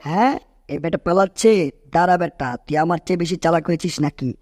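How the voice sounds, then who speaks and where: Cartoon dub: a boastful, scheming cat, voiced by a man in a slightly high voice, threatening and groaning, dry close mic. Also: fast talker, a little mellow, no echo, close to an everyday voice. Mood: blustering.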